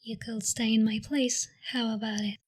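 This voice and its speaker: A man voicing a gentle, kind young woman in a children's storybook, speaking softly. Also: extremely high pitch, unhurried, pitched above the performer's own voice. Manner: soft and gentle.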